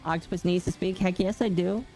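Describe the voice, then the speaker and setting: A woman's voice: fairly low pitch, fairly even intonation, a little fast, warm tone, soft background music, poor audio. A woman streaming a game, talking casually through a voice changer in a chatty, rambling way that often corrects itself. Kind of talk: casual live-stream chat.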